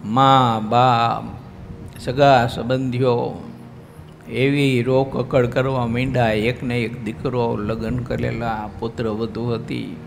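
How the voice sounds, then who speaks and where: A man's voice: mid-range voice, flat delivery, vocal fry, darkish tone, long reverb tail, faint music behind. A man with a Gujarati accent, a swami giving a storytelling sermon to an assembly, acting out the cries of the people in his story. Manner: slow, dramatic storytelling that acts out cries and wails of the characters. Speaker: swami giving a religious discourse. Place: large assembly hall.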